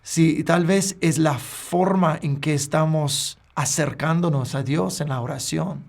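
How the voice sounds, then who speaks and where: A male pastor preaches at an unhurried, measured pace in a fairly high voice with a gravelly edge. His delivery is earnest and deliberate, speaking directly to the listener. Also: darkish tone. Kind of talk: sermon.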